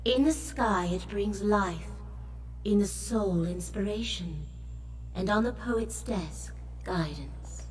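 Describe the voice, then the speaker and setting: An actress playing a solemn, commanding goddess of birds and light in a fantasy game, speaking in measured, poetic phrases. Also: female voice, mid-range voice, distant mic, a little hiss or hum, close to an everyday voice, rough recording. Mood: solemn, encouraging. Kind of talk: scripted fantasy game dialogue.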